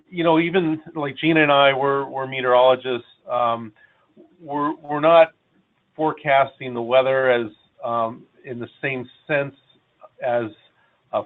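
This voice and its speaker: A man presents over a video call, his mid-pitched voice squeezed into thin, phone-like audio. He speaks as a meteorologist walking through slides, halting often and restarting. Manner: halting, many uh and um pauses. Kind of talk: webinar presentation.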